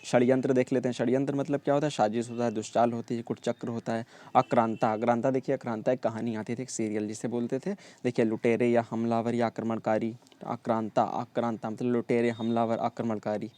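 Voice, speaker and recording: A man teaches an exam-prep lesson in a mellow, darker voice. His pitch sits at an ordinary middle level. He drills synonyms and idioms by repeating them in lists, checking in with his students again and again. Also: flat delivery, quick pace, few pauses. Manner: repetitive drilling, frequent "ठीक है" check-ins.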